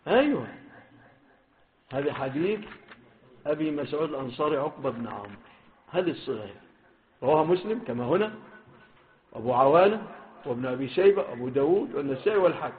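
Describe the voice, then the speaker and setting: A fast-talking, animated man with a somewhat high voice and frequent pauses leads a hadith lesson in an Egyptian Arabic accent. He emphasizes the quoted phrasing and quizzes his students, all captured in phone-like lo-fi sound.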